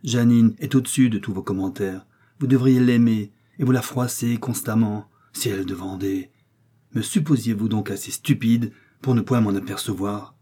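A man's voice: on the low side, normal speed, warm tone, husky. A man voicing a stout, fretful middle-aged pharmacist who fumes and blusters as he reads a storybook. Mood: fuming. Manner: blustering and fuming.

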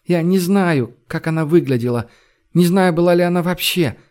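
A man's voice: high-pitched, lively intonation, normal speed, a little mellow, voice pushed up. A man reading an audiobook, voicing a distraught young woman who pleads and bursts out between sobs. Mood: desperate. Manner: pleading, sobbing outbursts.

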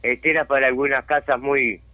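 Over a dry, tinny phone line with no echo, a Uruguayan man talks fairly quickly in a level, mid-range voice with a Uruguayan Spanish accent. He is indignant and insistent and often checks for understanding. A settlement resident and community spokesman with a chronic lung disease, he is being interviewed by phone on the radio.

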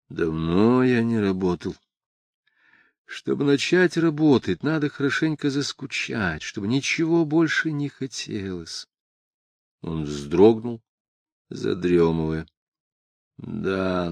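Slow, measured male audiobook narrator. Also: fairly low pitch, vocal fry, no echo. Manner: measured, unhurried reading.

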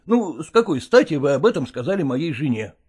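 A man's voice: a little high, big pitch swings, moderate pace, mellow, voice pushed up. A man voicing a stern, evasive stage actor. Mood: stern, irritated. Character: middle-aged male stage actor, guarded, irritable. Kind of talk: audiobook character voicing.

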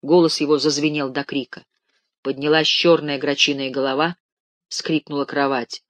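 A man narrating a story in a measured audiobook reading. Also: fairly high pitch, flat delivery, fairly bright tone, no room sound.

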